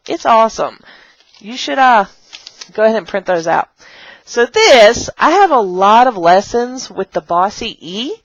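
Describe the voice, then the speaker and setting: A young woman who teaches English online chats at home in a bubbly, rambling vlog, showing off props and slipping into playful kid voices. Her voice is medium-pitched and gravelly. The dull camera mic gives dry audio with no echo.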